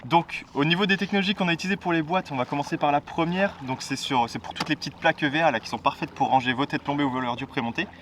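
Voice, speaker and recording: A man's voice: on the high side, fast talker, few pauses, distant mic, background noise. A man giving a casual product presentation for a fishing brand, talking in a chatty way with frequent "euh" fillers and restarts.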